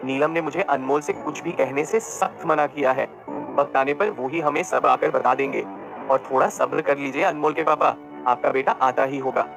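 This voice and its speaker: A man voicing a gentle, caring older mother who talks with soft affection. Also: fairly high pitch, normal speed, gravelly, over music, pitched below the performer's own voice. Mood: tender.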